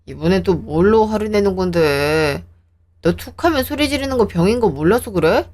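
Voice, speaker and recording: A woman's voice: medium pitch, animated, normal speed, darkish tone, natural voice. A woman voicing a defensive, hot-tempered young husband who talks in a sneering, combative way.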